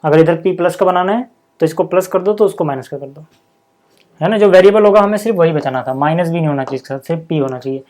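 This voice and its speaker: A man walks through maths problems one step at a time in a relaxed, talkative teaching voice, pausing often to check that everyone is following. He keeps things informal and friendly with the viewers, like a tutor talking a class through homework. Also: fairly high pitch. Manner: chatty, checks in with "thik hai" after each step; addresses viewers informally as "bhai sahab" and "yaar". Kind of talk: casual step-by-step lesson.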